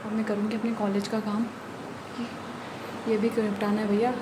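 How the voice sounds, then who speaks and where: A woman's voice: medium pitch, little pitch movement, moderate pace, echoey room. A woman in her twenties, a young mother, chatting to the camera in a casual home vlog, filmed on a handheld camera. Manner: chatty, talks straight to the camera. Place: home, kitchen and rooftop. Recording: noisy home recording.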